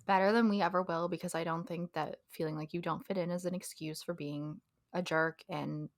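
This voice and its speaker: A woman's voice: fairly low pitch, steady tone, fairly quick, dry recording, studio quality. A young woman co-hosting a podcast in casual chat, talkative and laughing often, trailing off with ums. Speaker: podcast co-host.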